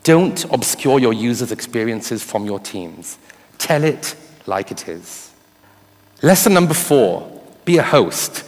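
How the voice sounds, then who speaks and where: A man's voice: mid-range voice, lively intonation, takes it slowly. A man giving a live conference talk on stage, often putting questions to his audience. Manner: addresses the audience with rhetorical questions. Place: on stage in a large hall before an audience. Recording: reverberant hall with audience sound.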